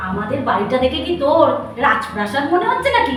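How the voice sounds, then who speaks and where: Shrill bengali-accented lady scolding folks, very high voice, echoey room far from the mic. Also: big pitch swings, fast, soft background music. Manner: scolding, sharp-tongued. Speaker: housewife called sister-in-law. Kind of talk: comic village skit.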